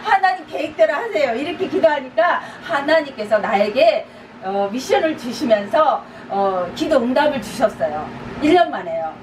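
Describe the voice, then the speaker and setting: High, lively woman pastor, echoey. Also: moderate pace. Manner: repetitive, urging exhortations with light laughs. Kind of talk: conversational teaching sermon. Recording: echoey, distant, noisy room.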